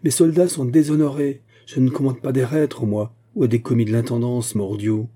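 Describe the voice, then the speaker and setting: A man's voice: medium pitch, monotone, moderate pace, mellow, breathy edge, natural voice. A man voicing an indignant veteran musketeer captain who hammers his words and swears. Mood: furious indignation.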